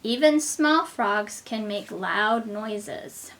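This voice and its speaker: A woman's voice: medium pitch, lively intonation, drawn-out words, a bit bright, a little hiss or hum. A woman reading a children's book aloud as a teacher to very young children, with simple explanations, questions and asides, as if reading to a toddler. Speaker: kindergarten teacher.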